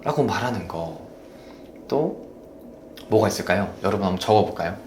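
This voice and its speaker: A man hosting a live stream on marriage, gently coaching and praising viewers as he reads their comments. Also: sits low, animated, moderate pace, reverberant, slight background noise.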